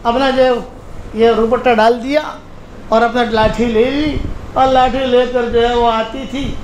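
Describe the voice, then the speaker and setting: Man, preacher, high voice, conversational storytelling sermon, repeats phrases, echoey recording. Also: flat delivery, a little hiss or hum. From India.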